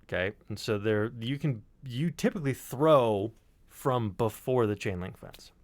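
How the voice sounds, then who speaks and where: A storyteller on a podcast stream, a man tells an anecdote casually, wry and emphatic, with some swearing. His medium-pitched voice is animated yet unhurried. No echo.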